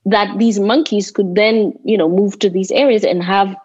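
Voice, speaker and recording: Her voice medium-pitched, husky, and darkish with a steady tone, a Kenyan landscape designer raised in Nairobi reflects aloud at a moderate pace during an interview. She speaks with a Kenyan accent and leans on emphatic repetition. The recording sounds roomy and a bit dull, lo-fi.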